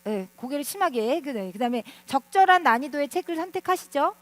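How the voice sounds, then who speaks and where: Woman teacher at a parents' seminar, high voice, animated, quizzes the room, dry close sound. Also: a little fast, no room sound. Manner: animated, asks the audience questions. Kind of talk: lecture to parents.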